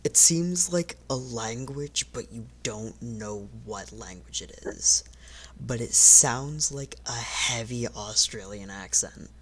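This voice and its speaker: A game master narrating a tabletop game in an unhurried way, with filler pauses. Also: medium pitch, expressive, fairly bright tone, husky.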